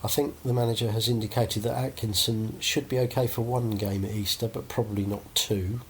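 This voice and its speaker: A man's voice: fairly low pitch, fairly even intonation, fairly quick, a little hiss or hum. Chatty man hosting a football podcast. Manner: hedging, chatty, full of tag questions. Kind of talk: casual chat.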